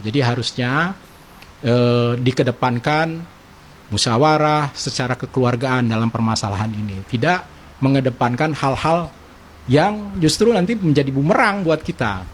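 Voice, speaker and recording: A man speaking as a legal counsel, giving a measured, formal and conciliatory statement. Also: mid-range voice, a little hiss or hum. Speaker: lawyer. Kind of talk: press statement.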